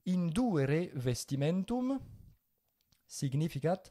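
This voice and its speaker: Patient French-speaking Latin teacher, mellow voice. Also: male voice, a little high, sing-song, slow. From France. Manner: patient, explains and corrects, mixes Latin and French. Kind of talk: spoken language lesson.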